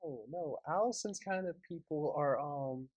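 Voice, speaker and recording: A man's voice: a little high, measured pace, no echo, muffled recording. A young man, co-hosting a casual podcast and joking around. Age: young adult. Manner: joking, animated storyteller. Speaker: podcast co-host. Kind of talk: casual chat.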